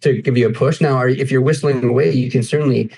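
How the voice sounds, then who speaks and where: A man narrating as game master of a tabletop game, casual and halting. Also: medium pitch, steady tone, gravelly, darkish tone, breathy edge. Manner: casual, halting, laughs often.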